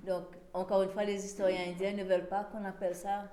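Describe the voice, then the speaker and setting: Mellow-voiced woman in an echoey room. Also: medium pitch, flat delivery, a little fast. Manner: hesitant, searching for words, mixing in English terms. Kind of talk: informal explanation in a group discussion. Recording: echoey room, faint background noise.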